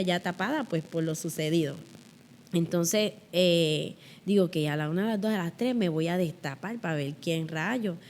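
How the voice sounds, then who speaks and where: A woman with a Puerto Rican accent tells childhood stories with lively expression, sometimes acting out the voices of the people in them. Her voice sits at an ordinary middle pitch, and she speaks as a guest in a relaxed interview. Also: slight background noise. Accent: Puerto Rican Spanish. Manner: animated, acts out childhood voices. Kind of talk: storytelling in an interview.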